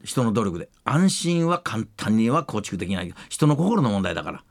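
An older man hosting a radio talk show, telling long rambling stories in rough, casual speech that livens up at the funny parts. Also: fairly low pitch, big pitch swings, normal speed, dry recording, clean studio sound.

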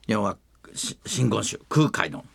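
An older man hosting a radio talk show, telling long rambling stories in rough, casual speech that livens up at the funny parts. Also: fairly low pitch, expressive, measured pace, a bit bright.

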